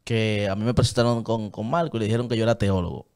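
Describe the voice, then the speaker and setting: A man in his thirties with a Dominican Spanish accent chats earnestly as a guest in a small padded radio studio, gesturing a lot as he talks. Wearing headphones, he speaks into a desk-stand mic in a fairly low, fairly even, smooth and slightly mellow voice at a fast pace.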